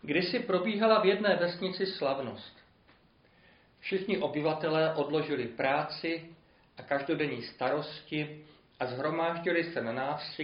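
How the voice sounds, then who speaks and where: A man preaches and tells a parable in a measured, earnest voice that rises for emphasis. His voice is fairly high for a man. The recording is echoey and a little muffled, with limited clarity. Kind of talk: sermon with a told parable. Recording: roomy, dull lo-fi recording.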